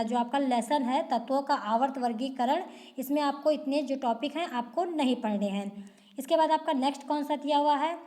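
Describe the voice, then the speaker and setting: Woman teacher, high voice, explains a syllabus, asks and answers her own questions. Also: a little mellow. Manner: repetitive rhetorical questions, answered at once.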